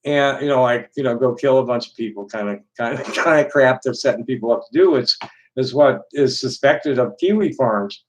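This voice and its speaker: A man hosting an online discussion in casual, rambling talk, blunt and profane, with a halting delivery. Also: medium pitch, poor audio.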